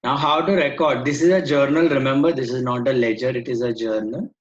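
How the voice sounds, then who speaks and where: Slow-talking man teaching an accounts class. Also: mid-range voice, steady tone, lo-fi sound. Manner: mixes Hindi and English, quizzes students. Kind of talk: online class lecture.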